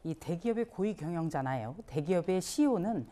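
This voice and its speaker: A woman's voice: fairly low pitch, lively intonation, a little fast, mellow. A female politician on a TV news panel, analyzing point by point. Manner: analytical, lists points one by one. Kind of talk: TV panel commentary.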